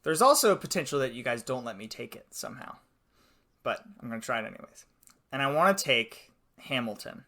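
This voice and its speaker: A man's voice: mid-range voice, animated, brisk, sharp tone. A young man co-hosting a podcast in casual chat, easygoing, laughing often and thinking aloud. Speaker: podcast host.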